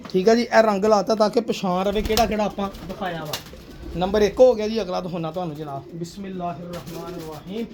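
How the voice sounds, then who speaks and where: A man with a fairly high voice shows off his pigeons in a casual, persuasive pitch. He keeps calling the viewer sir and brother. Faint pigeon cooing runs behind him. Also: darkish tone, a little hiss or hum. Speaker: pigeon seller showing birds.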